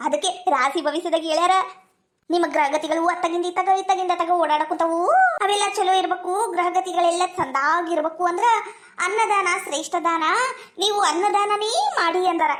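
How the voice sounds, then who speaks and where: A woman's voice: very high-pitched, fairly bright tone. A woman with a North Karnataka accent playing a cheeky, quarrelsome village wife in a comedy sketch. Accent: North Karnataka Kannada. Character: sharp-tongued village wife.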